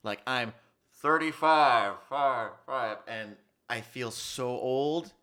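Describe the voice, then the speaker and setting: A thirty-five-year-old man, a college student in a business fraternity, chats casually and tells stories in slangy speech full of swearing, animatedly acting out bits of dialogue. His medium-pitched voice is clean in tone and unhurried.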